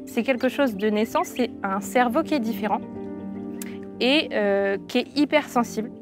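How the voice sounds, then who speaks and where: A woman's voice: on the high side, moderate pace, over music. A woman in her thirties speaking reflectively in a documentary interview, with frequent hesitations. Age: 30s.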